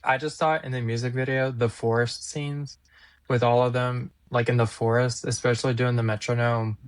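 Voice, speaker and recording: Male co-host, middle pitch, easygoing and hesitant. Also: normal speed, no echo. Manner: relaxed, laughs easily, hesitant fillers. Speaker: podcast co-host. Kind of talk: casual chat reviewing songs.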